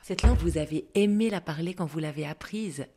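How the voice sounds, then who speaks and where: Husky, warm-toned woman interviewer. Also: lowish voice, a little fast. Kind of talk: interview questions.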